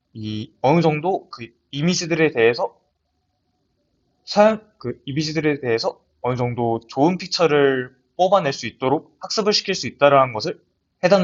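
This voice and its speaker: A young man gives a research paper presentation in a lab seminar, talking hesitantly with frequent restarts and fillers. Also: a little high. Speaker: student presenter. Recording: dull lo-fi audio.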